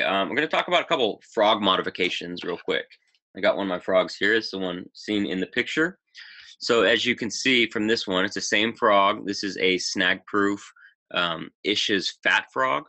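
Low-voiced man giving a relaxed fishing webinar. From Pacific Northwest, United States. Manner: relaxed, many fillers like "you know" and "um". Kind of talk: casual instructional talk over slides.

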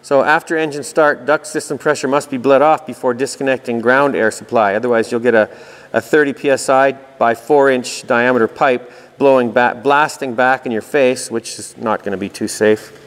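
A male explainer host talks through technical diagrams in an informal walkthrough, partly reading aloud and dropping dry asides. His medium-pitched voice stays steady at normal speed, recorded in a reverberant room where a long echo trails each line.

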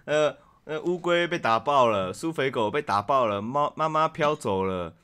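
A man with a bright, forceful tone jumps in with teasing questions during a group story game. His pitch sits in the middle, and his manner is loose and joking. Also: expressive, normal speed, clear, resonant tone. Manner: teasing interjections. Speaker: streamer. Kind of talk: casual chat.

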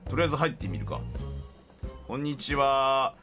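A man giving excitable, jokey gameplay commentary as a streamer. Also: medium pitch, normal speed, over music. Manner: excitable, laughing, jokey reactions. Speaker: game streamer.

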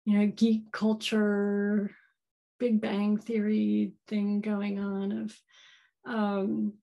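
A woman in her thirties answering questions as a keynote speaker on a video call from a home office, thoughtful and hedging, often restarting her sentences. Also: a little high. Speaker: keynote speaker, board game designer. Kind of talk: live Q&A answers. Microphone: video call webcam.

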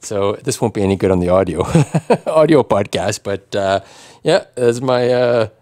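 A middle-aged man hosting a casual chat, rambling and halting, laughing often between words. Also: on the low side, darkish tone. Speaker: podcast host and musician.

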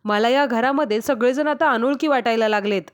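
A woman's voice: on the high side, fairly quick, faint music behind, close to an everyday voice. A woman reading the lines of a stern, angry father laying down the law. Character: stern angry family patriarch.

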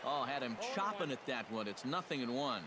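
A man playing a steady, polished play-by-play baseball announcer in a sports video game. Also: mid-range voice, a loud crowd, very noisy, lightly acted. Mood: steady, engaged. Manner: polished, measured broadcast delivery. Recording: loud stadium ambience behind the voice.

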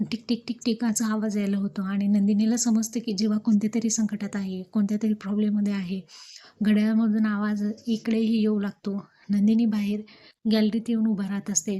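Woman, mellow dark voice, flat even delivery, serial episode recap, storytelling. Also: mid-range voice, brisk. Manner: retells the scenes, reading out the characters' lines.

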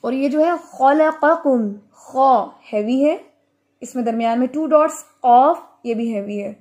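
A woman teaching Quran recitation in an online class, explaining rules slowly and then chanting each verse for her students to repeat. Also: sits high, darkish tone. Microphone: video call.

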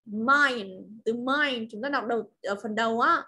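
A woman from Vietnam with a Vietnamese accent, teaching English pronunciation over a video call, modelling words slowly and clearly before explaining them. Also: on the high side, sharp tone. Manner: slow drilled modelling of words, then quick explanations. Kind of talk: online class teaching.

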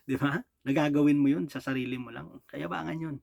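A man's voice: a little high, vocal fry, a little mellow, slight background noise. A Filipino man preaching a sermon in a mix of languages, often asking "di ba?" and "no?" and chuckling between points. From Philippines. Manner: rhetorical "di ba?" and "no?" checks with the congregation, frequent chuckles. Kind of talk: Taglish sermon.

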